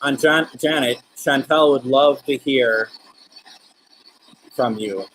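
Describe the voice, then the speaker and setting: A man hosting a live spirit-communication session, speaking in gentle, coaxing questions with pauses between them. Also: medium pitch, a little hiss or hum, poor audio. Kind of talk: live-streamed seance, addressing spirits and viewers.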